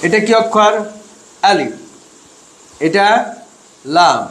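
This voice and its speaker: A man's voice: sits high, lively intonation, a bit bright, reverberant, slight background noise. A man teaching Quran reading step by step, asking questions and answering them himself. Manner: slow, asks and answers own questions. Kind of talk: step-by-step spelling lesson.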